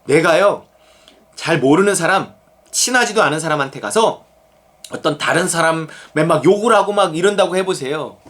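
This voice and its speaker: A middle-aged male pastor preaches in a conversational, animated way, often slipping into acted-out prayers. His voice sits high for a man and swings widely in pitch. The tone stays informal, like talking to a congregation he knows well. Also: normal speed. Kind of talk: sermon.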